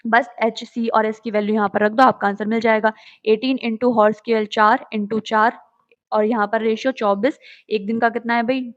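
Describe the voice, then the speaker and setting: A woman with a fairly high voice works through exam maths questions one step at a time, posing small questions and answering them herself. The recording is dull and lo-fi. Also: flat delivery, normal speed. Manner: explains step by step, asks and answers her own questions; reads questions in English, explains in Hindi. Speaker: maths teacher. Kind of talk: exam solution walkthrough. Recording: dull lo-fi audio.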